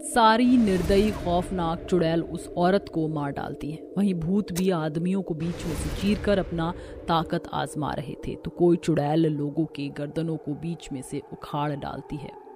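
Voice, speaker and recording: A woman's voice: deep voice, measured pace, background noise. A woman narrating a horror cartoon in a dramatic storytelling manner.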